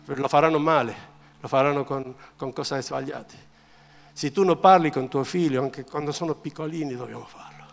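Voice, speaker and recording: A man preaching a sermon as pastor, impassioned and repetitive, swinging from loud to quiet. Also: medium pitch, in a large hall. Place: church.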